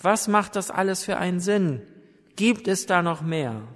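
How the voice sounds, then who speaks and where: A man voicing Jesus as a gentle grown man who asks soft, pleading questions. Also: sits high, expressive, a little slow, voice pushed up. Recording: long hall reverb.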